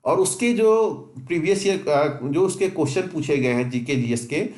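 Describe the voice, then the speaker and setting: Informally prepping students for an exam, a man repeats and emphasizes his points to reassure them. His voice is on the high side, a little mellow, at a moderate pace, in a reverberant, echoey room.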